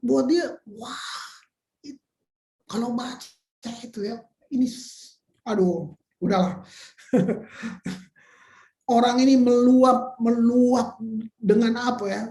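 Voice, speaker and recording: Gravelly-voiced pastor. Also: male voice, extremely high pitch, darkish tone. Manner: conversational, exclamatory, repeats words while searching for them. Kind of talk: informal sermon. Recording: roomy hall echo.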